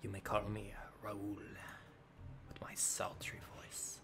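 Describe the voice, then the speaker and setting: A man putting on a sultry whispered smooth talker. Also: fairly low pitch, monotone, takes it slowly. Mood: mock seductive. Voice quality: breathy whisper. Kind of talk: whispered role-play.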